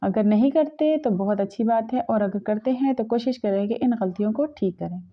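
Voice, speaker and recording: A woman teaching tajweed, switching between slow, drawn-out recitation and quick explanations. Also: on the high side. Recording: tinny phone-like audio.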